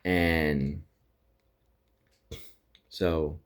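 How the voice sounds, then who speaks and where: A man's voice: extremely low pitch, fairly even intonation, drawn-out words, smooth. A man hosting a podcast, casually retelling TV episodes in a rambling way with many restarts and acted-out quotes. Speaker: podcast host recapping TV episodes. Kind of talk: casual recap chat.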